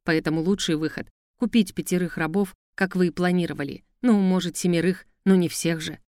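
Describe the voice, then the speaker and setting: A woman's voice: on the low side, steady tone, a little fast, a little mellow, clear, resonant tone, dry recording, studio quality, lightly acted. A woman voicing a heated, insistent male steward in an audiobook. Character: anxious, insistent male slave manager.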